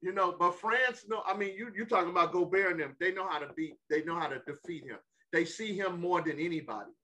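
Casting note: man, high bright voice, stubborn and slangy sports panelist. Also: quick pace. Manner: insistent, repeats his point, slangy. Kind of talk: casual sports debate.

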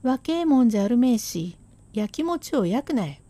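A woman doing a gruff blustering Edo shopkeeper. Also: on the high side, big pitch swings, normal speed, no room sound. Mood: swaggering. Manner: rough Edo slang, blustering then hushing. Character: swaggering Edo shopkeeper husband, gruff and defensive. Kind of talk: rakugo storytelling.

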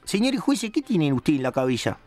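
A man's voice: a little high, sing-song, a little fast, a little mellow, faint music behind. A man doing a drunk old rioplatense rascal. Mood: ranting. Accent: Argentine Spanish. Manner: slurred drunken rambling, hurls insults. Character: drunk foul-mouthed old male petty thief. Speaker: comic character on a radio show.

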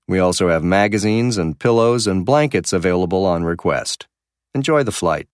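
A courteous male airline captain played by an actor addresses passengers in a fairly low voice. The announcement is formal and carefully enunciated, recorded very dry with no room sound. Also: expressive, normal speed, no room sound. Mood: courteous, informative. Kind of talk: scripted announcement.

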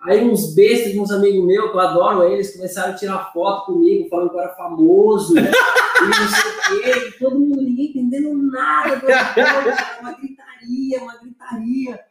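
A man's voice: high-pitched, quick pace, few pauses. A young Brazilian man with a Brazilian Portuguese accent, telling a story as a guest in casual chat, chatty and repeating words with slangy fillers. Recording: echoey room, far from the mic.

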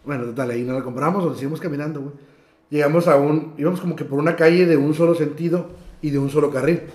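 Young northern mexican dude rambling through a story, bit higher voice, says güey every other word, roomy echo. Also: male voice, fairly even intonation, fast talker. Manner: slangy, drops "güey" constantly, trails off quietly. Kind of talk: casual storytelling chat. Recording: echoey room.

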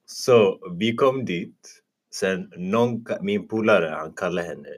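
A man's voice: deep voice, breathy edge. A young man, a podcast co-host, telling a story in casual chat and mixing in English phrases.

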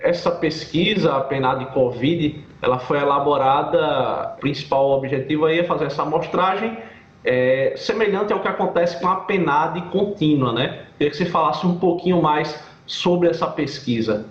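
A man's voice: a little high, normal speed. A man working as a reporter puts questions informally in an interview. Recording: echoey, slightly dull field interview.

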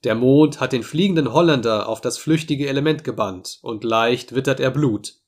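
A man reading a story voices an old, weather-hardened first officer who speaks firmly and calmly. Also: mid-range voice, normal speed, close to an everyday voice. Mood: resolute. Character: steady old first officer, calm and resolute.

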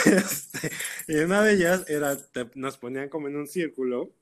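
A man chatting casually with an old friend, telling stories in a playful, animated way. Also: on the high side, moderate pace. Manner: animated, playful storytelling with bursts of laughter. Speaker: podcast guest.

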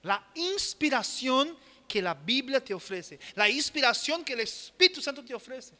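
High-voiced man preaching in a hall. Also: big pitch swings, moderate pace. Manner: joking asides, rising to forceful exhortation. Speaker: pastor. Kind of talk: sermon.

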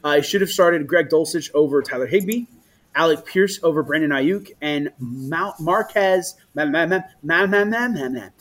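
Casual male co-host, a touch higher in pitch, quick to laugh, trips over names. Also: fairly bright tone. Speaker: fantasy football podcast co-host. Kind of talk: casual chat.

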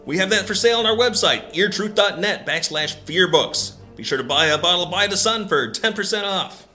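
An actor playing a fearmongering talk radio host who booms on air and grumbles off air. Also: male voice, lively intonation, fairly quick, pushed and bright, soft background music. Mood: blustering.

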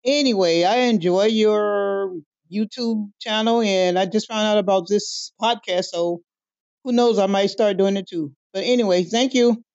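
A woman's voice: medium pitch, unhurried, a little mellow, no echo. A woman leaving a brief voicemail in an earnest, easygoing way. The phone line is muffled and bone-dry. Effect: voicemail message. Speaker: podcast listener leaving a message. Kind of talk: casual spoken message.

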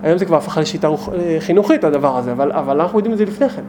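Here a high-voiced male rabbi leads a small group lesson. He keeps throwing rhetorical questions at the group in an emphatic, animated manner, and there is a faint hum of noise in the background.

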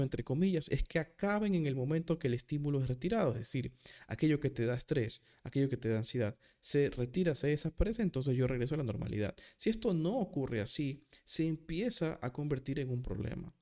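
Mellow-voiced man rambling through a solo podcast. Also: mid-range voice. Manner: rambling, self-correcting, with examples; self-described nervous. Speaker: podcast host, psychologist. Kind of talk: casual solo podcast talk.

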